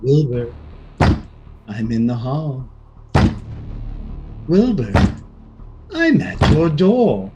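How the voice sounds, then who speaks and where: A man doing a slow menacing ghost. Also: sing-song, highs cut off, heavy background noise. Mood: creeping. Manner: slow, drawn-out, low menacing calls. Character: menacing male corpse ghost, slow and hollow.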